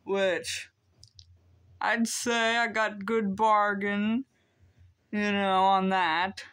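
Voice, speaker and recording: Teen boy, unhurried unboxing chatter, hesitant and rambling. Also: sits high, little pitch movement, a bit bright, clear, resonant tone. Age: teens. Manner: rambling, hesitant, many ums. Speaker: vlogger. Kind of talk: casual unboxing chat.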